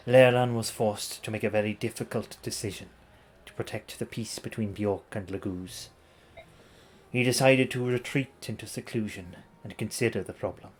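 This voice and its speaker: A man's voice: fairly low pitch, fairly even intonation, moderate pace, husky. A man streaming a game, reading its story dialogue aloud in a playful, dramatic way with casual asides.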